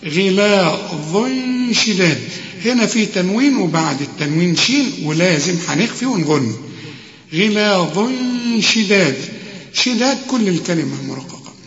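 A man with an Egyptian Arabic accent gives a tajweed lesson in a fairly high voice, reciting each word, then correcting and explaining the rule. He sounds like he is in a reverberant hall. The recording is dull and muffled. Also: lively intonation, fairly quick, fairly bright tone. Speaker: Quran recitation teacher.

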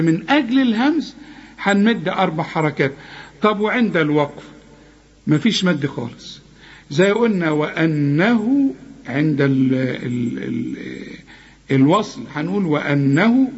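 Husky, high-voiced Egyptian recitation teacher. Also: male voice, lo-fi sound. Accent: Egyptian Arabic. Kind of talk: one-on-one recitation lesson.

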